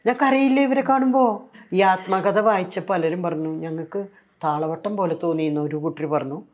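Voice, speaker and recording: This fairly low-pitched woman talks at normal speed in a Malayalam accent; she is older, from Kerala, India, and once a nun. In an interview she narrates her life in a lively, conversational way, voicing other people's words and filling pauses often.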